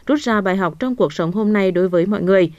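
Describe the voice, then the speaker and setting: A woman reads a scripted news report in a formal, measured way as a local television narrator. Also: mid-range voice, a little mellow, no room sound, muffled recording.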